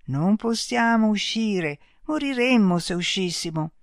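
A reader voicing two kind, dying alien beings who speak slowly and gently in an audiobook. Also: mid-range voice, lively intonation, no room sound, clean studio sound. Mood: gentle. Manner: slow, gentle, speaking in unison. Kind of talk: audiobook reading.

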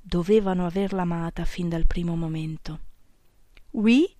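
A woman's voice: mid-range voice, dry recording. Woman narrating an audiobook, dry sound. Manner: measured, steady reading.

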